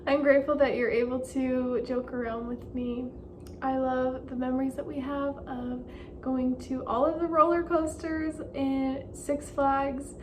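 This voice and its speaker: High-pitched young woman, recorded from afar. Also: little pitch movement, measured pace, darkish tone, far from the mic, a little hiss or hum. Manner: cheerful, laughing often. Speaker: granddaughter. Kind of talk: birthday video message.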